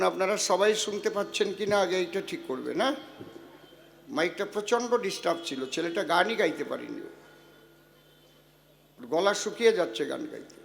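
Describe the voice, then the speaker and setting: A man's voice: high voice, gravelly. An older man, a devotional singer, doing a stage sound check and giving the crew bossy running orders into a handheld mic.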